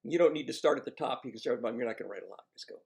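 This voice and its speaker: A man working as an addiction counselor, coaching a patient one-on-one in a gentle, coaxing, self-mocking way. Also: mid-range voice, very fast, gravelly.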